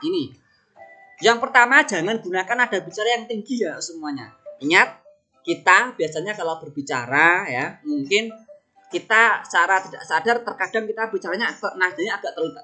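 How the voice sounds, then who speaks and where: Bright-voiced male teacher coaxing small kids. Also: high-pitched. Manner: coaxing, asks questions and answers them himself. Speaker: religious education teacher. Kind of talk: online lesson for young children.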